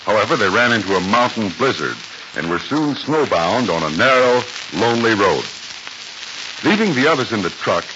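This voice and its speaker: A male radio announcer, heard on an old radio broadcast recording, eagerly pitching to children in 1940s style. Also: dull audio, noisy background.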